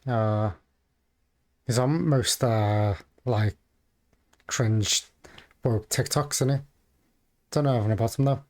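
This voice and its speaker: A man reacts to videos in a casual, unscripted way. His mid-pitched voice moves along haltingly and rambles from thought to thought, as a host thinking out loud would. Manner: hesitant, halting, rambling delivery. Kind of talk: casual off-the-cuff commentary.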